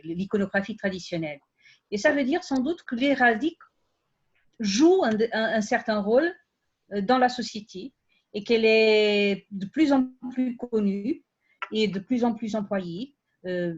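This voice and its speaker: A woman with a foreign accent in French, speaking as a non-native academic on a panel. Her delivery is slow and halting, with restarts while she looks for the right word. The recording is slightly dull and lo-fi. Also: mid-range voice. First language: not French. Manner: halting, searching for words, with frequent restarts. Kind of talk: unscripted round-table academic discussion.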